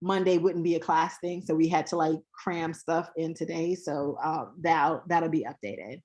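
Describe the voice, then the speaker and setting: A woman's voice: low voice, moderate pace, darkish tone. A woman instructor talking casually with students in a live class, reassuring them with plenty of fillers.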